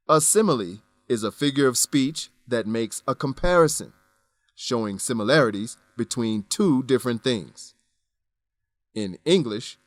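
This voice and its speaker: In a deliberate, instructional manner, a man narrates a scripted English lesson. His mid-pitched voice is a bit bright, and the recording is very dry, without any room echo.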